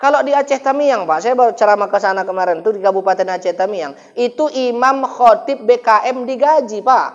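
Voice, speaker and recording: A man preaching at a mosque gathering, telling a humorous story in a lively, animated way and often calling out to his listeners. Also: sits high, a little fast, few pauses, dull audio. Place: mosque gathering after dawn prayer.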